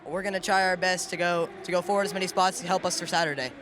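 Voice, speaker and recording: A racing driver giving brief, modest answers in a post-race interview, off-mic. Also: male voice, high-pitched, fairly even intonation, quick pace, pushed and bright, slight background noise.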